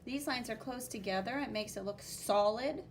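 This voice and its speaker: With a fairly high pitch and a normal speed, a woman teacher reads a picture book aloud to kids, exclaiming expressively and mixing in spoken sound effects and commentary. There's slight background noise.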